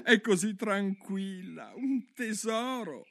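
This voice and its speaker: A man's voice: high-pitched, lively intonation, slow pace, gravelly, fairly bright tone, voice pushed up, heavily acted. A man reading a storybook aloud, voicing a curious, polite young girl who rambles eagerly. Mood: chatty.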